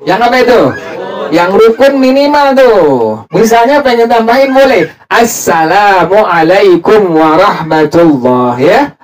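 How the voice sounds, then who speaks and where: A male religious teacher leading a study group through prayer practice, repeating each point and quizzing his listeners. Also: high voice. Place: evening religious study gathering. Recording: distant mic with a group audible.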